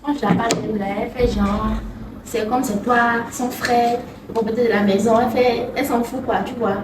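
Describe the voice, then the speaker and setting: A woman's voice: fairly high pitch, fairly even intonation, brisk, natural voice. A woman playing a bossy young wife who complains and gives orders. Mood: complaining. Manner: demanding, complaining. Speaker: actor in a web skit. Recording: echoey room, far from the mic, background noise.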